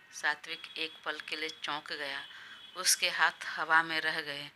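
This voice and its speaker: A woman narrating an audio love story in a plain, steady manner. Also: deep voice, slight background noise.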